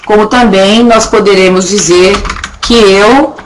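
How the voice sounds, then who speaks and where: A Brazilian woman teaches a recorded grammar lesson in an easygoing, chatty way, checking in with her class again and again. She draws words out slowly when she shows how they sound. A faint hiss and small clicks sit under her voice. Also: medium pitch, fairly even intonation, low-quality recording. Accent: Brazilian Portuguese. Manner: drags words out slowly to demonstrate pronunciation. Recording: faint background noise and clicks.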